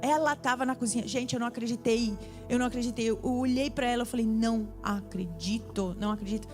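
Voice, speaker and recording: A young woman tells her testimony from the church stage, her voice pitched a little high. She tells it in an animated way, acting out each exchange. Soft music plays faintly behind her. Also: fast. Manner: animated storytelling, acts out dialogue. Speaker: preacher. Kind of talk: sermon testimony.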